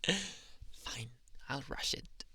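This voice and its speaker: A man playing a shy, tender boyfriend in a soft, halting, intimate whispered role-play, teasing and adoring. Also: medium pitch, lively intonation, husky, dry recording, full character voice. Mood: fond, reminiscing.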